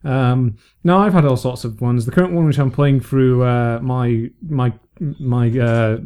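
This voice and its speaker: Podcast co-host: man, mellow tone, casual and self-mocking. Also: mid-range voice, steady tone, unhurried, clean tone. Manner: rambling, self-mocking, lots of fillers.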